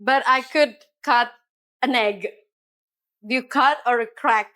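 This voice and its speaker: A woman's voice: fairly high pitch, slow, bright, forceful tone. A young woman hosting a vlog, chatting playfully with a chef and asking curious questions. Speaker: vlog host. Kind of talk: casual chat. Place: restaurant kitchen.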